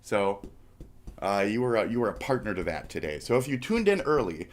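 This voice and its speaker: A man with a low voice, very animated and fairly quick, hosts a live stream while stuffy from a snotty nose. His casual rant is profane and rambling, sliding into half-rapped riffs.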